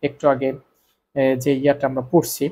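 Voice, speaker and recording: A Bengali-speaking man explains Korean spelling rules to students, repeating each point and answering his own questions. His medium-pitched, mellow voice is completely flat, at a normal speed.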